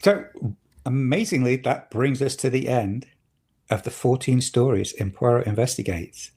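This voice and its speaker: A man co-hosting a podcast in casual chat, opinionated and getting animated when something annoys him. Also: mid-range voice, moderate pace, slightly rough. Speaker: podcast co-host.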